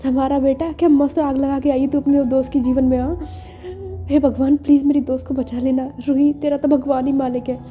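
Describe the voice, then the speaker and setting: A woman plays a mischievous young friend, teasing and making mock prayers. Her voice is high and dark in tone, quick over soft music. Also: little pitch movement, lightly acted.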